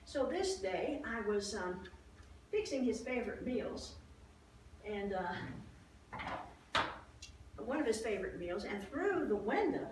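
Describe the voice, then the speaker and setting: Recorded far from the mic in a very echoey room with faint noise, a woman portrays an older, devout and excitable priest's wife from a Bible story, filled with awe. Speaking in first person in a medium pitch near her everyday voice, she tells the tale conversationally and expressively, halting, restarting and bursting into exclamations.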